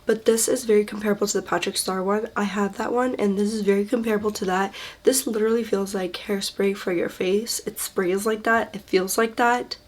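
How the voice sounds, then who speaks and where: A woman's voice: medium pitch, fairly even intonation, fairly quick. A woman beauty vlogger chatting casually through a product review, gushing and enthusiastic, a little under the weather.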